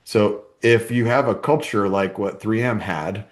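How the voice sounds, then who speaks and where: A man's voice: on the low side, measured pace. A man co-hosting a podcast, explaining ideas in a casual way and telling workplace stories, with many asides and "right?"s. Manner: storytelling, lots of "right?" and "kinda", acts out coworkers. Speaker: podcast co-host.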